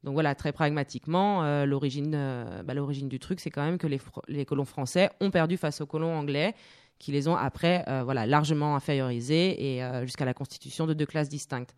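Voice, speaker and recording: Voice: medium pitch, fairly quick, clear, resonant tone. A radio host introducing a poem in a casual, hesitant way, with many fillers and restarts.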